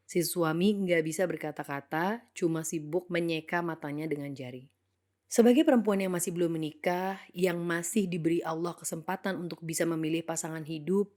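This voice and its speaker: Earnest young woman with a lowish voice. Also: a little mellow. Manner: earnest and thoughtful, switching into English phrases. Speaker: narrator of a reflective monologue. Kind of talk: scripted reflective monologue.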